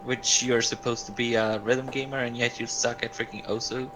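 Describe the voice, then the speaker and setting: Brief: lower-voiced man, mocking friend, heard off-mic in an echoey room with clear background noise. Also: level tone, normal speed. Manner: mocking, dismissive teasing. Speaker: streamer's friend. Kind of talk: casual argument. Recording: roomy, noisy, off-mic.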